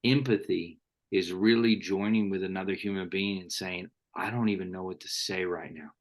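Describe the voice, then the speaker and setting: Male host, very low voice, thoughtful and sincere. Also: fairly even intonation. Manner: earnest, quotes thinkers, slows for emphasis. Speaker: podcast host. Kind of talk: reflective interview talk.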